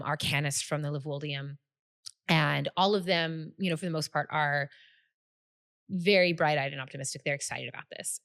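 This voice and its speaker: A woman narrating as game master in a tabletop game, describing the scene in a relaxed way with fillers. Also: deep voice. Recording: long reverb, faint music behind.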